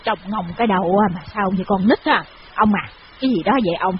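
A man's voice: high voice, fast, voice pushed up, lightly acted. A querulous, nagging old woman, put on by a male audiobook reader. She sits well above his own voice, with an odd, strained timbre, and scolds as if always right. The recording is dull and lo-fi with a faint hiss. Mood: worried.

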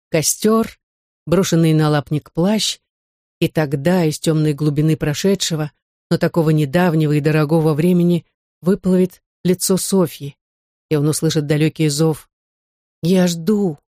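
This is a narrator reading a historical novel aloud, measured and even. The voice sits at a middle pitch and is heard close and dry with no room around it. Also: dry recording. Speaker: audiobook narrator. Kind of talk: literary narration.

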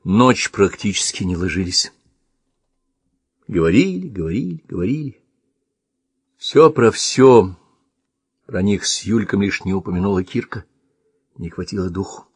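A man narrating an audiobook in a measured, expressive reading. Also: sits low, slightly rough, no room sound, clean studio sound.

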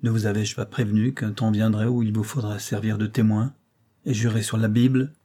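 Man voicing a bitter, gruff dying man. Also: fairly low pitch, flat delivery, fairly quick, lightly acted. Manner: gruff, forceful.

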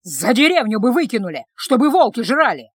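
A woman voicing a hot-headed village man who yells accusations. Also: a little high, very animated, fairly quick, husky, no echo, clean studio sound. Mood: angry, yelling. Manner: yelling, accusing.

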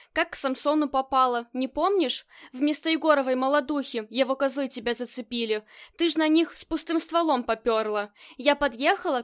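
A woman reading the part of a brash, loyal female friend who talks in rough slang, in an audiobook narration. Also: sits high, close to an everyday voice. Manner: rough, slangy, rapid storytelling.

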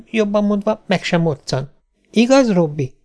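A man voicing an eager little girl who begs and pleads in a high, breathless way in an audiobook story. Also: expressive, a little mellow. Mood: pleading.

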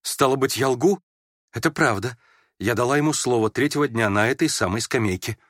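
A man's voice: mid-range voice, fairly quick, no echo, clean studio sound, close to an everyday voice. A man reading an audiobook, voicing a sincere, simple-hearted young prince who speaks plainly and earnestly. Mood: quiet firm. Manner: earnest and plain, quiet when hurt.

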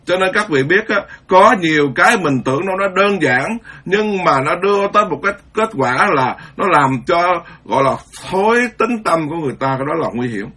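A Buddhist monk giving an informal dharma talk, rambling and conversational, stumbling over repeated words. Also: male voice, a little high, animated, fairly quick, few pauses, bright, forceful tone, slightly rough.

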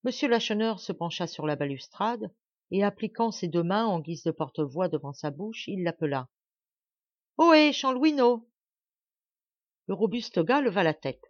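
A woman reading a classic novel aloud as an audiobook in calm, even storytelling. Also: fairly low pitch, moderate pace, no room sound, highs cut off. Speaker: audiobook reader. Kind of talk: scripted narration of a classic novel.

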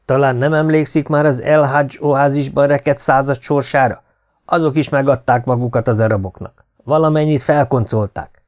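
A man's voice: mid-range voice, steady tone, voice pushed up, natural voice. A man reading an audiobook voices a resolute army doctor who speaks firmly and commandingly. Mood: stern. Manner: firm and commanding.

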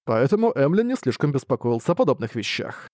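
A man narrating a fantasy audiobook in a steady, even reading voice. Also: medium pitch, fast, no room sound, clean studio sound.

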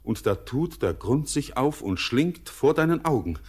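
A male actor in a classic radio drama plays a haunted young stranger full of yearning. He declaims poetically in a solemn, intense, husky mid-range voice, with big pitch swings at a measured pace.

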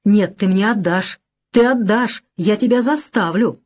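A woman's voice: mid-range voice, a little slow, a little mellow, lightly acted. A woman voicing a young man who hurls hateful accusations at a drunk. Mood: furious.

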